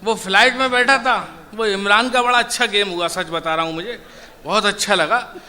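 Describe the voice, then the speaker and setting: A man's voice: sits high, moderate pace, bright, forceful tone. A man performing as a comic poet, telling stories on stage and acting out the people in his jokes. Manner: chatty, acts out characters in jokes. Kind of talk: stand-up storytelling at a poetry gathering. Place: stage in a large hall. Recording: echoey hall, faint noise.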